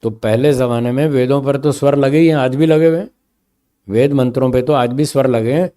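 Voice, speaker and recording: A man teaching a philosophy class, explaining meaning through slow spoken examples and often checking that his listeners follow. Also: mid-range voice, steady tone, mellow. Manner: stresses single words to show meaning.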